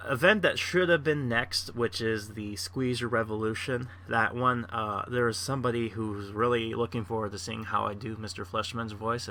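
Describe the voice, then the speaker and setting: A man hosting a gameplay channel, chatting casually in a rambling way with plenty of pauses and restarts. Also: lowish voice, bright, forceful tone, a little hiss or hum. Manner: rambling, lots of uh fillers and restarts.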